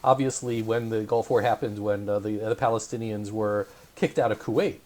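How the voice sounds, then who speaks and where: A man's voice: on the low side, normal speed, darkish tone. Chatty male interview host. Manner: chatty, hesitant, many "um"s, laughs often. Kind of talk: remote interview, conversational.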